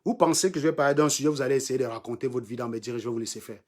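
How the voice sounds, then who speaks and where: Man, Cameroonian French accent, livestream host, mocking, combative rant, middle pitch, repeats himself for emphasis. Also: racing, darkish tone. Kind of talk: insulting live-stream rant.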